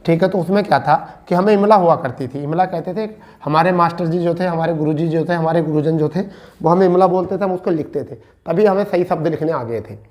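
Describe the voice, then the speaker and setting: A male teacher, his voice slightly higher than most men's, drills spelling in an online exam-prep lesson. He speaks, says each word twice and quizzes his students on it. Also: fairly quick, darkish tone. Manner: addresses listeners as beta and bhaiya. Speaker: Hindi teacher.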